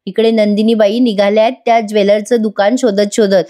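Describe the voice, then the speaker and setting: A woman's voice: medium pitch, little pitch movement, brisk, dark tone. A woman giving a chatty voice-over review of a TV serial and speaking directly to her viewers.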